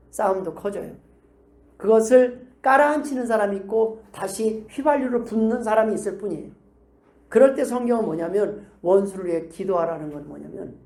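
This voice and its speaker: A middle-aged woman pastor preaching a sermon in a lively way, acting out the quoted lines of the people in her stories. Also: medium pitch. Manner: animated, acts out quoted dialogue in shifting voices. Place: church hall. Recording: echoey room.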